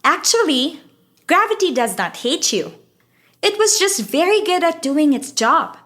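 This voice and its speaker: Woman acting high, slow, science-savvy young friend. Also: sing-song, a bit bright, full character voice. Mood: patient, explanatory. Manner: patient, explanatory. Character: knowledgeable, teasing young female friend explaining science. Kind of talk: scripted educational audio drama.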